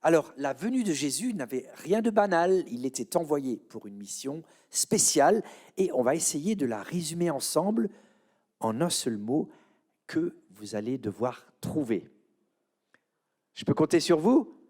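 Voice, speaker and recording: A man's voice: on the high side, big pitch swings, unhurried, a little mellow. A man with a French accent presenting a church children's show, playfully coaxing answers from the audience in a quiz. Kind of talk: leading an interactive quiz with an audience.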